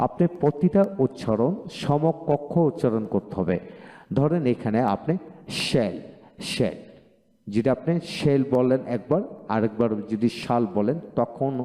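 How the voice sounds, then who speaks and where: A man teaching English pronunciation, who says each drill word twice, slowly and deliberately, and then explains his method to viewers in an earnest, encouraging way. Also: mid-range voice, lively intonation, warm tone, in a large hall. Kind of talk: spoken English pronunciation lesson.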